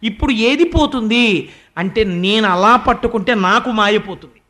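A man giving a devotional discourse, telling stories with animation and reciting verses slowly. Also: high voice, pushed and bright. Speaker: spiritual discourse speaker.

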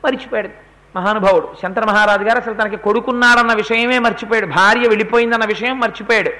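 High, bright male storyteller. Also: quick pace. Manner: animated, acts out the quoted speech. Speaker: religious discourse speaker. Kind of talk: epic storytelling discourse.

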